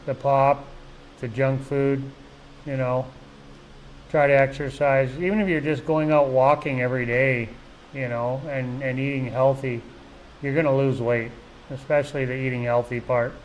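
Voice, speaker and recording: A man's voice: medium pitch, fairly even intonation, moderate pace, a little hiss or hum, poor audio. A middle-aged man from Canada hosting a casual live vlog, rambling along with lots of "you know" and restarts. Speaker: vlog host. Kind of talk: casual live-stream chat.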